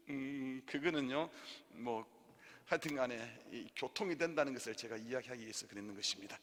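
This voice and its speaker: A man's voice: medium pitch, normal speed, a bit bright. A middle-aged male pastor teaches a lay theology class and has listeners repeat after him. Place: church hall. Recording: reverberant church hall.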